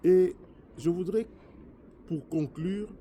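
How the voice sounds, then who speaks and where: Slow and warm, this high male voice belongs to a former parliamentarian from DR Congo speaking with a Congolese accent over slight background noise. He pushes his political message hard, repeating points and mixing French and Lingala.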